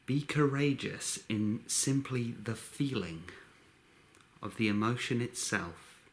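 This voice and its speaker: A man with a medium-pitched, animated voice leads a guided meditation in a measured, instructional manner. He speaks in short phrases broken up by long pauses.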